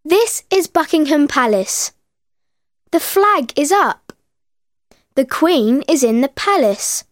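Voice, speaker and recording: A woman's voice: high voice, sing-song, slow, no echo, clean studio sound, heavily acted. A woman voicing a young boy, introducing his world in a scripted, carefully articulated course reading. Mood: friendly, introducing. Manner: simple, carefully articulated learner-paced delivery. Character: young London boy Rob introducing friends and city. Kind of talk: scripted English-course dialogue, read slowly and clearly.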